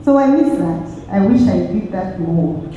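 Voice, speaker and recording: A woman in her forties with a Ugandan accent, speaking in a measured, reflective way about her life and family. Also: mid-range voice, animated, dark tone, heavy reverb, long reverb tail, far from the mic, highs cut off, slight background noise. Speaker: interviewee sharing experiences. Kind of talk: reflective personal talk.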